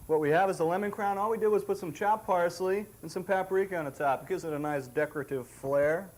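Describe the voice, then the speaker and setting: A man's voice: sits high, fast, darkish tone. A man co-hosting a cooking demonstration on an old TV show, chatty and jokey, pleased with his own dishes. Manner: jokey, chatty, self-satisfied.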